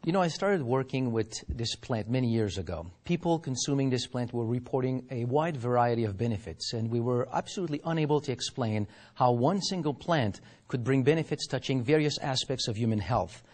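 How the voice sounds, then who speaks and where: Male science officer, medium pitch, formal and explanatory, answering as an interview guest. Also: lively intonation, brisk, few pauses, darkish tone.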